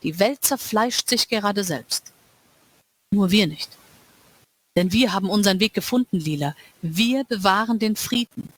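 A woman reading aloud, voicing a cold, all-knowing male world ruler who speaks slowly and calmly, like a lecture. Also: high-pitched, dry recording. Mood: calm lecturing. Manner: slow, calm and lecturing. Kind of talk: dramatic reading of a novel.

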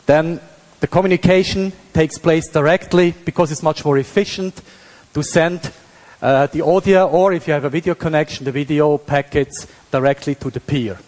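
A man's voice: fairly high pitch, moderate pace, darkish tone. Swiss German man lecturing in a reverberant hall. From Switzerland. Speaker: university professor, conference speaker. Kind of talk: technical conference lecture. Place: indoor hall at a tech conference.

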